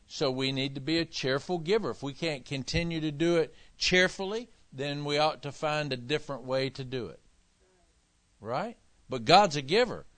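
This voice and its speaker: A man's voice: a little high, a bit bright, no room sound. A man preaching a sermon, telling a personal testimony in a folksy way and acting out the dialogue. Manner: folksy storyteller, acts out dialogue. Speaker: pastor.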